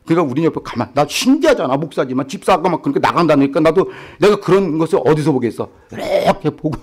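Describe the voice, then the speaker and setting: A middle-aged male pastor preaches with a fairly high, very animated voice that swings up and down. He tells his story by acting out the people in it. He keeps stopping to question the congregation directly. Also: quick pace. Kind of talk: storytelling sermon.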